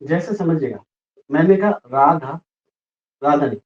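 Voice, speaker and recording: Guy teaching grammar, kinda high voice, playful, keeps quizzing the class, muffled lo-fi sound. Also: unhurried. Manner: lively, playful, asks students questions often. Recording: muffled low-fidelity sound.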